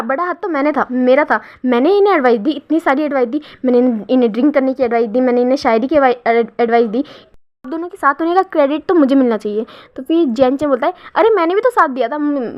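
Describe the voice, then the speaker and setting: High-voiced woman narrating a love story. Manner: unscripted retelling with frequent restarts and fillers. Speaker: fan fiction narrator. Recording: dull lo-fi recording.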